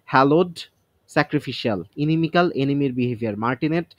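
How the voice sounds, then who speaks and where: Guy going over vocab words out loud, dry close sound, thinks as he talks. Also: medium pitch, lively intonation, fast, no room sound, lo-fi sound. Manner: thinks aloud, self-testing word by word; mixes English words into Bengali explanations. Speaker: vocabulary teacher. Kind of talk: casual vocabulary study session.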